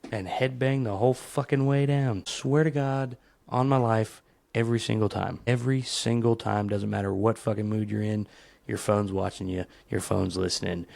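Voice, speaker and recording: A man with vocal fry runs a solo podcast, delivering rambling, profane, comic rants and animated stories in a dry recording. When quoting others, he leaps up into higher voices.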